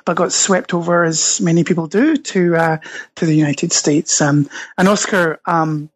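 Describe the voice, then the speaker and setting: This Scottish man talks through his research as a podcast guest, an author and researcher speaking thoughtfully. His voice is on the high side with a breathy edge, moderately paced, and he often fills and restarts.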